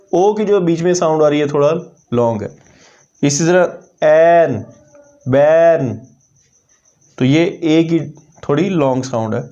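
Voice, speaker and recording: A man's voice: a little high, dark tone. A man teaching a lesson, explaining step by step and repeating example words aloud. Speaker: English teacher. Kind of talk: classroom-style lesson. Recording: dull lo-fi recording.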